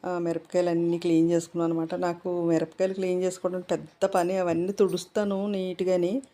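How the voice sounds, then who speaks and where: Middle-aged woman, casual home vlogger, rambling chat, mellow voice. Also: on the low side, little pitch movement, fairly quick. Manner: talkative, rambling, many fillers.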